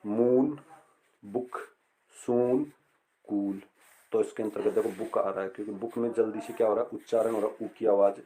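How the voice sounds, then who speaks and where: A middle-aged male teacher explaining an English lesson slowly and patiently, repeating words and reading phrases aloud. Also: on the low side, little pitch movement, mellow.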